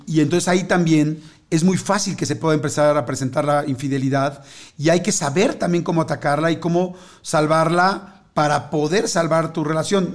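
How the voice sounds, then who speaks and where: A man, chatting casually and telling a rambling story full of fillers. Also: a little high. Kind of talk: casual chat.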